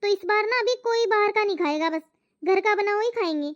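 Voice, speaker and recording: A fed-up housewife voiced by a woman grumbles and scolds in a very high, thin voice for a cartoon family story. The sound is muffled and lo-fi. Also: brisk. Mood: coaxing. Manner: complaining, scolding, talks to herself. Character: overworked housewife and mother, exasperated, grumbling. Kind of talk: animated family story voice-over. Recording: muffled lo-fi voice track.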